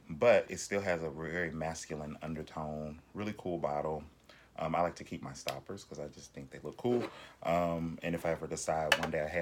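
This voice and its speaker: A man's voice: sits low, slight background noise. A man chatting casually through a haul video at home, rambling with many ums and restarts. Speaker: vlogger. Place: home bedroom.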